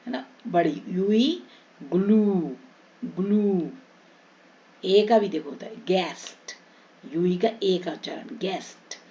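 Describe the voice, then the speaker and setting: A woman's voice: mid-range voice, dark tone. A woman with an Indian accent teaching English pronunciation, repeating each word and addressing her students as children. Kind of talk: pronunciation lesson. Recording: muffled lo-fi recording.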